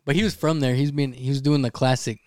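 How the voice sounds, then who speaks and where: A young man co-hosting a podcast, telling a betting story in an animated, casual way and swearing freely. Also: medium pitch, fast, dry recording, clean studio sound. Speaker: podcast co-host.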